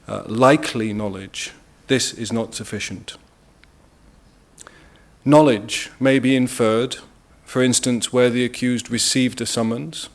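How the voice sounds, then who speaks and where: Measured British man giving a legal briefing. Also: mid-range voice. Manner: measured and deliberate, stressing key words. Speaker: international lawyer speaking at a press briefing. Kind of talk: formal legal presentation.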